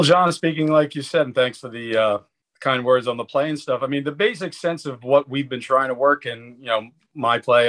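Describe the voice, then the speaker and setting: A man's voice: mid-range voice, fairly bright tone. A man, a playwright guest, answering in a casual interview in an earnest, rambling way with restarts.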